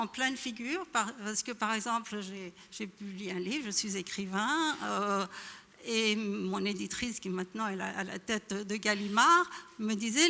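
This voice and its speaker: A woman's voice: a little high, bright, forceful tone. A woman from Iran speaking at a panel event, hesitant, with many fillers and restarts. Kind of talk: spontaneous public talk. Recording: echoey hall.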